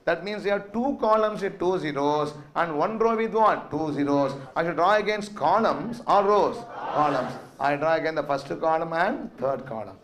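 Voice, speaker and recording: A man's voice: fairly high pitch, expressive, moderate pace, few pauses, a bit bright. A middle-aged man with a South Indian accent lecturing a maths class, repeating phrases for note-taking and quizzing students. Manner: quizzing, prompting questions to students. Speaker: maths teacher.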